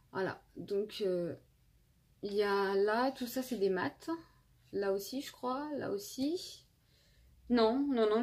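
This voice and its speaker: A woman in her twenties casually reviewing makeup palettes as a beauty vlogger, chatty with many fillers and restarts, filmed on a phone indoors. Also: medium pitch. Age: 20s. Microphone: phone camera.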